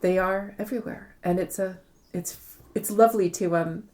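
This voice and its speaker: Her voice is medium-pitched, a little mellow and fairly even, at a moderate pace. The woman, a novelist in an interview, explains things in a reflective, conversational way and uses repetition for emphasis.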